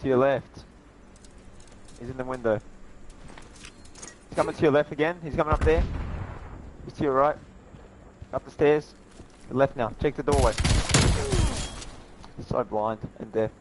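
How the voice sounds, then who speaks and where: A man's voice: mid-range voice, background noise. A man on voice chat calling out enemy positions to a teammate and teasing her. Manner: teasing, rapid directional callouts. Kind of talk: casual gaming callouts.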